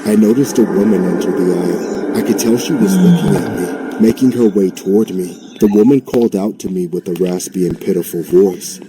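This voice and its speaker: Deep-voiced man narrating a horror story. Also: background noise. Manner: measured, steady first-person storytelling. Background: music.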